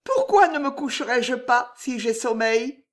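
A woman's voice: on the high side, animated, a little slow, pitched above the performer's own voice. A woman voicing an anxious young noblewoman, emphatic and heightened in her speech.

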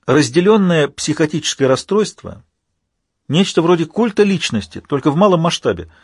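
A raised, animated voice of a lecturing male psychologist, as a man reads him. He explains in long, eager runs, slightly husky and close to the mic in a dry room. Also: fairly high pitch, moderate pace, no echo, pitched above the performer's own voice, exaggerated voice.

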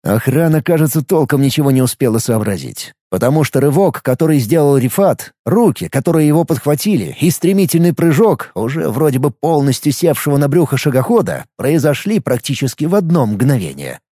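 A man narrating an audiobook in an expressive, vivid way, close to the mic. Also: medium pitch, fairly quick, hardly any pauses, no room sound. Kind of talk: scripted narration.

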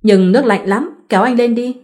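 A man's voice: very high voice, brisk, a little mellow, pitched above the performer's own voice. A woman voicing a whiny lovesick village man. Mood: whimpering. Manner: whiny pleading.

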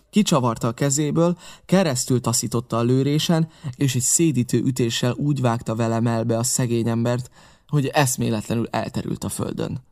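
A man reading an adventure novel aloud as steady, scripted narration. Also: medium pitch. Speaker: audiobook reader.

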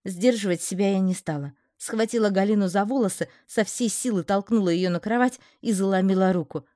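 A woman narrating a first-person fantasy audiobook in a steady, expressive storytelling manner. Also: medium pitch, a little fast, dry recording, clean studio sound.

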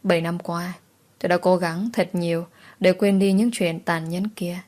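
A woman's voice: lowish voice, little pitch movement, normal speed, a little mellow. A woman narrating a romance novel in the first person, with dramatic, emotional storytelling. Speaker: audiobook narrator.

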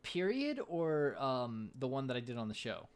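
A man's voice: medium pitch, very animated, moderate pace, clean tone. A man co-hosting a casual podcast. He talks hesitantly, with many fillers and restarts. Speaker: podcast co-host.

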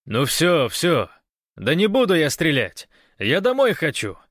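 A man voicing a brash young man who has lost his memory, talking loudly and cheekily. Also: lowish voice, lively intonation, normal speed, no echo, studio quality, natural voice. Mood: pleading. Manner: loud, cheeky, defiant. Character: brash young man with amnesia, cocky and joking.

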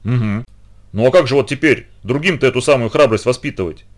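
A man's voice: medium pitch, brisk, close to an everyday voice. A man voicing a timid young boy who asks earnest questions. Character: timid young boy, curious and wide-eyed.

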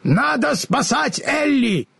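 A man voicing an anxious, excitable straw scarecrow in a storybook reading. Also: high-pitched, slow pace, husky, pitched above the performer's own voice, full character voice. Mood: alarmed.

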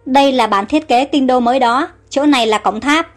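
A woman voicing a gentle young queen in a royal palace in a storybook reading, friendly and eager. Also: high voice, brisk, faint music behind, natural voice.

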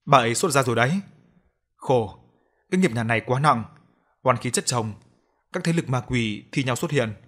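A stern older exorcist, as a narrator puts him on declares what he sees in a solemn, commanding voice. The voice stays close to the narrator's own, measured and grave, as in a spoken ghost story. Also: mid-range voice, animated, a bit bright. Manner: solemn, authoritative.

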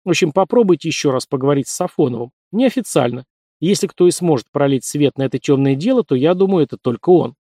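A brisk middle-aged hospital chief grumbles and gives orders, as a male narrator reads him. The pitch is a little raised. It is a dry, close recording. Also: expressive, mellow, no room sound.

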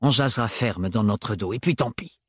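Stern unbending man in an audiobook, clipped and hard, husky low voice, as the reader plays him. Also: normal speed, no echo, studio quality, lightly acted. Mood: curt, cold. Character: tall stiff man, curt and cold.

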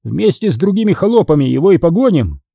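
A man voicing a sly steward who threatens strangers and flatters his mistress. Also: a little high, fast talker, creaky, no echo, clean studio sound, voice pushed up, full character voice. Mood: persuasive.

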